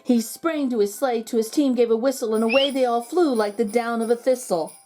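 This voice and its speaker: High, mellow female children's storyteller. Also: fairly quick. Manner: dramatic, animated storytelling for children. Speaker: children's story reader and host. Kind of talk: expressive read-aloud of a children's poem. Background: background music.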